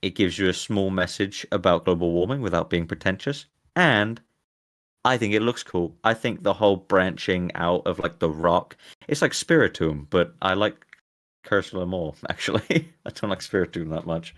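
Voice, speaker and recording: A man with a low voice hosting a live stream, rambling casually and laughing easily. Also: lively intonation, normal speed, fairly bright tone. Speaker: streamer host. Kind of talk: casual chat.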